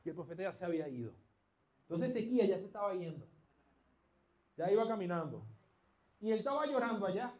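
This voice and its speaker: High-voiced male preacher, playful. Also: fast, pauses often. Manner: lively, playful storytelling with jokes. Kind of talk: sermon. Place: church.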